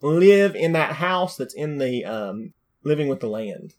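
A relaxed man in casual podcast chat, rambling and joking as he goes. His voice sits in an ordinary middle range. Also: medium pitch, unhurried. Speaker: podcast co-host.

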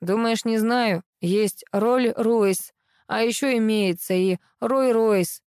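A woman's voice: on the high side, slow, darkish tone, clear, resonant tone, dry recording, clean studio sound, pitched above the performer's own voice. A woman reading a smug, haughty husband. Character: smug, haughty middle-aged man.

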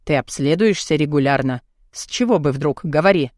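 A woman's voice: deep voice, lively intonation, moderate pace, darkish tone, no room sound, clean studio sound, voice pushed down. A woman voicing a big, blunt young man in an audiobook, growling and curt. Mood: gruff, bossy. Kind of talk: audiobook character voice.

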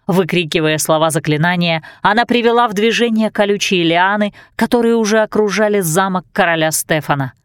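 A woman reading a fairy tale aloud with expressive, dramatic narration. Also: mid-range voice, fairly quick, hardly any pauses, clean tone, dry recording, clean studio sound. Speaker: audiobook narrator. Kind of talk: scripted storybook narration.

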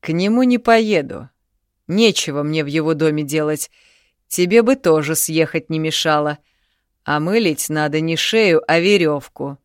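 A woman's voice: low-pitched, normal speed, no room sound, clean studio sound, natural voice. A woman voicing a blunt, scolding older man in an audiobook, coarse and commanding. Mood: gruff. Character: older man, gruff and bossy factory owner.

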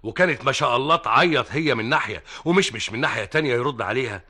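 Old-time radio drama, bickering husband, egyptian accent, bright tone, very fast banter. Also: male voice, mid-range voice. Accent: Egyptian Arabic. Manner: quick, emphatic comic back-and-forth.

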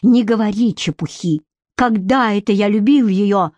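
A curt, exasperated middle-aged man, stubborn and quick to lecture, as a woman reads him in an audiobook. His voice sits at an ordinary middle pitch and is recorded dry and close, with no room around it. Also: a little mellow, no room sound, close to an everyday voice. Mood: dismissive. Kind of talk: audiobook reading.

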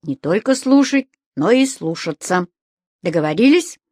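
A woman voicing a kindly old man who calmly reassures and gently lectures in an audiobook story. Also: fairly low pitch, measured pace, dry recording, clean studio sound. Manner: calm, soothing, a little lecturing.

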